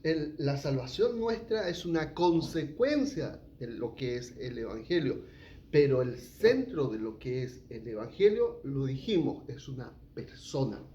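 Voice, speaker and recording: A man's voice: mid-range voice, sing-song, unhurried, dark tone, dull audio, a little hiss or hum. A middle-aged man, teaching a sermon and asking the congregation questions. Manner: asks the congregation questions, frequent "¿ya?". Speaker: pastor.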